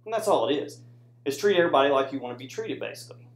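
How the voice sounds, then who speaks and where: Speaking rapid-fire and expressively at medium pitch, an American-accented man presents informally with slides to a classroom audience, frequently tagging his points with "right?" to check in. He is a soldier and student presenter, talking conversationally in an indoor room that echoes.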